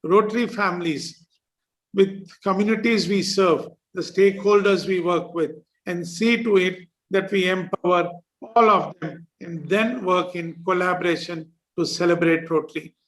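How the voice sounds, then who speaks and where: A man's voice: high-pitched, moderate pace, poor audio. A man, a district governor delivering a formal prepared speech at a ceremony. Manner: formal, reading a prepared address.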